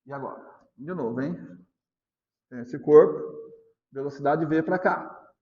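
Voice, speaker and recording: A Brazilian man lectures a physics class in a fairly high voice. He keeps checking that students are following and repeats each step slowly. The recording is dull and lo-fi. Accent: Brazilian Portuguese. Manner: asks constant check questions, repeats points slowly. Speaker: physics teacher.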